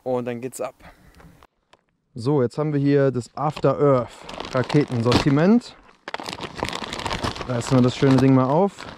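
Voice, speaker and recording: Talking to viewers in an easygoing, direct way, a young man reviews fireworks on open dirt ground outdoors at dusk while an action camera records. His mid-range voice is unhurried and often pauses, and background noise is present.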